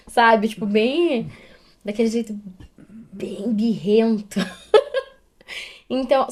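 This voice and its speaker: Casting: young woman, higher voice, chatty co-host, animated storyteller. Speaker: podcast co-host. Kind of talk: casual chat.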